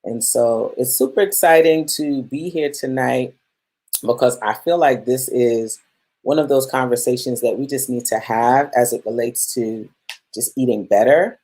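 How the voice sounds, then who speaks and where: A woman's voice: very deep voice, a little slow, warm tone, slightly rough. A woman from Guyana who grew up in Brooklyn, a plant-based chef and health coach, hosting a live-streamed masterclass in an upbeat, chatty way and greeting viewers by name. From Guyana, raised in Brooklyn.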